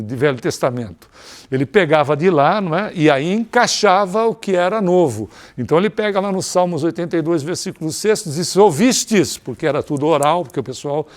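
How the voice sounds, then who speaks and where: A man's voice: fairly high pitch, a little mellow. A man giving a spiritist lecture in a conversational way, asking rhetorical questions and often adding tag questions.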